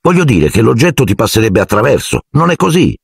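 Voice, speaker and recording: A man voicing a calm, reasonable young wizard hero in a level voice. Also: mid-range voice, fairly quick, vocal fry, slightly rough, dry recording, clean studio sound, pitched above the performer's own voice, exaggerated voice.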